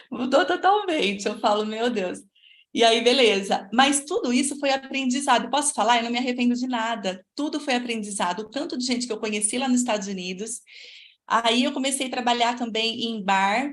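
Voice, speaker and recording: A woman in her forties with a Brazilian Portuguese accent, hosting a live stream and telling her life story in a chatty, lively way, talking straight to her viewers. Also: fairly high pitch. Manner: lively, chatty, speaks straight to viewers and reads their comments. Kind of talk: casual personal storytelling.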